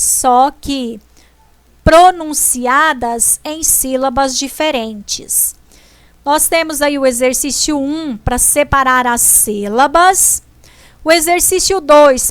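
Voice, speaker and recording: Slow, high-voiced woman teacher. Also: fairly bright tone, clear, resonant tone, dry recording. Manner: slow, deliberate, stressing syllables. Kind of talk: slow classroom explanation.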